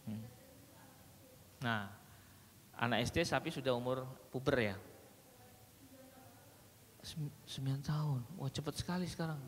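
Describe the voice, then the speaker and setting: A man's voice: mid-range voice, a little slow, pauses often. A man speaking to an audience in a hall, telling stories and acting out dialogues with humour. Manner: animated storyteller who acts out dialogues with humour. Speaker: speaker at a parenting sharing session. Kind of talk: lively seminar talk to an audience. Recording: reverberant hall, faint background noise.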